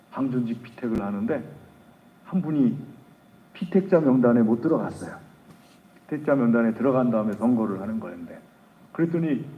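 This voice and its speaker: A male pastor preaching a sermon, retelling a story with animated swings between loud bursts and hushed asides. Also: mid-range voice, distant mic. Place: church sanctuary. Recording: echoey church hall, slightly dull.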